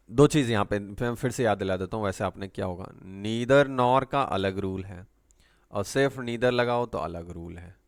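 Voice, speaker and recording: Slow gravelly Indian English teacher. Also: male voice, medium pitch. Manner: reads English examples slowly, explains in quick Hindi with frequent "है ना". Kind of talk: bilingual grammar lesson.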